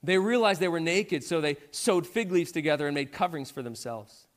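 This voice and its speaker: A man's voice: on the high side, brisk. A middle-aged man preaching a sermon in a conversational way, often checking in with "right?". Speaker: pastor.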